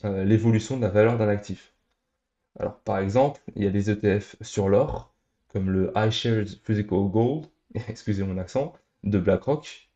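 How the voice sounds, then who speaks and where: A man's voice: lowish voice, dark tone, echoey room. A young man hosting a crypto news channel, talking straight to his viewers in an upbeat, scripted way. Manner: upbeat, direct address to viewers. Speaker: crypto YouTube host.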